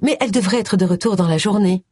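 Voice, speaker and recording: Reader doing a kind worried vicar's wife in an audiobook, soft polite tone, husky. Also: medium pitch, quick pace, no echo, clean studio sound, lightly acted. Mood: courteous.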